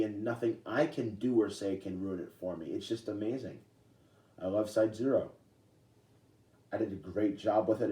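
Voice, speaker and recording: A young man vlogging in a casual, rambling way, halting often with fillers and restarts. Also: fairly low pitch, warm tone. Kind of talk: casual talk to camera. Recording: echoey room, distant from mic.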